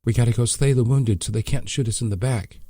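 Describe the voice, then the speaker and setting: A man's voice: medium pitch, quick pace, mellow, breathy edge, dry recording, studio quality, voice pushed up, close to an everyday voice. A man voicing a tough woman militia leader who gives curt, commanding orders.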